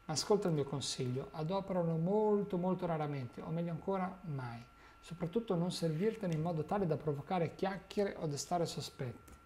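A man's voice: fairly high pitch, dark tone, a little hiss or hum, natural voice. A man reading as an old male wizard who gives earnest warnings in a grave tone.

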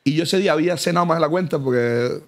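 A man's voice: on the high side, very fast. A man telling boastful, mock-humble comic stories in a casual chat, laughing often. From Canary Islands. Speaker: comedian guest. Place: car.

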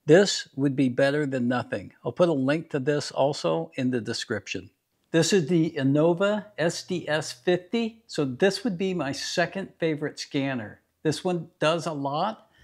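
A man in his fifties, a garage channel host, plainly demonstrating scan tools in his home garage. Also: a little high. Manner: plain, practical, unhurried explaining. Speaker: DIY mechanic channel host. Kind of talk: casual product demo.

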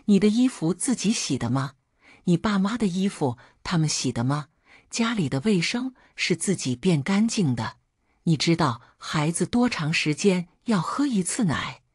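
A woman's voice: fairly low pitch, sing-song, normal speed, darkish tone, slightly rough, no echo, clean studio sound. A woman voicing a tired, put-upon older mother who speaks plainly and resentfully. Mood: bitter.

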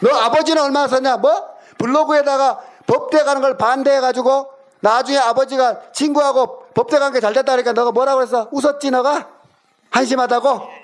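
A man's voice: very high voice, fairly even intonation, fairly quick. A middle-aged man in a heated phone argument with his younger brother, hurling insults and taunting questions. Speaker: older brother.

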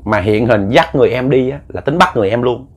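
A man with a Southern Vietnamese accent tells a ghost story in a loose, conversational way. He rambles and stumbles over repeated words, and his voice sits at an ordinary middle pitch. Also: fast talker. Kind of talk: spoken ghost story narration.

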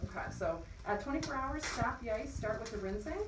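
A woman's voice: a little high, animated, brisk. Clinic woman in a very noisy room. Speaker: dental surgery nurse or assistant. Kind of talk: casual aftercare instructions to patient and family. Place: small dental clinic room. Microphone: phone camera across the room. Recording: echoey, distant phone, loud room noise.

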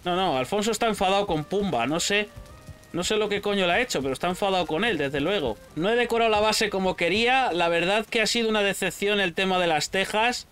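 A man with a Spain Spanish accent giving casual, excitable gameplay commentary, shouting at pets and swearing freely. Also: high voice, quick pace, clean tone, faint music behind. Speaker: gaming channel host.

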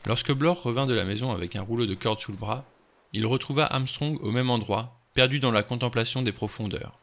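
A man reading a novel aloud in an even, measured way. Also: medium pitch. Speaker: audiobook reader.

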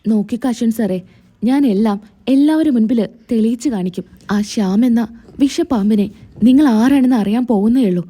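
A woman's voice: fairly high pitch, moderate pace, mellow, natural voice. A woman retelling a serial, voicing a wronged young wife who speaks defiantly.

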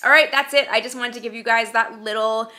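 Bright-voiced Canadian woman vlogger. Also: a little high, fairly even intonation, a little fast. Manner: chatty, uses many fillers. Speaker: YouTube host and author. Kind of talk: casual vlog Q&A.

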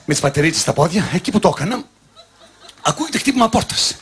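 A man telling jokes on a comedy show, animated and acting out the characters in them. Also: high voice, breathy edge. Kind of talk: stand-up joke telling on a TV show. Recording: live audience laughter and noise.

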